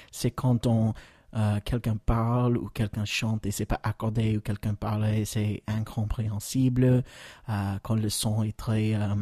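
An American man hosting a podcast lesson, patient and hesitant, with many fillers and slow, carefully spoken model phrases. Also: on the low side, mellow, dry recording, clean studio sound. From United States. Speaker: English teacher, podcast host.

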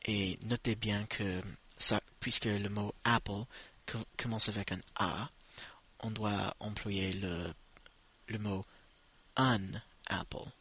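A man leads a listen-and-repeat English vocabulary lesson for French speakers, speaking very slowly. His voice is bright and forward with a husky edge and sits fairly low. He says each word with deliberate care. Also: level tone. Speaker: English teacher.

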